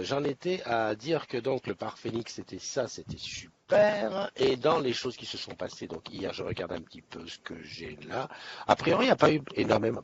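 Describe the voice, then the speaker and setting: A man's voice: medium pitch, vocal fry. Guy from nice rambling on a livestream, lots of restarts, slightly muffled sound, faint hiss. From Nice, France. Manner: rambling, chatty, many restarts. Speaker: livestream host. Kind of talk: casual live chat. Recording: slightly dull sound, faint background noise.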